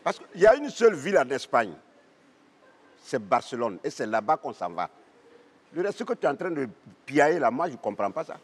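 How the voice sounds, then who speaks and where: Husky-voiced man, boastful and mocking. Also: medium pitch, sing-song, brisk, long pauses. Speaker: comedy sketch performer. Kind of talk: comic sketch argument.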